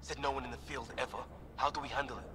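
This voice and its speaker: An actor playing a cynical, wisecracking soldier in a video game, with a sardonic manner. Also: male voice, medium pitch, fairly even intonation, very fast, lightly acted. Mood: wry, alert. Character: cynical, wisecracking male soldier on a hostile alien world. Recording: noisy game battle ambience.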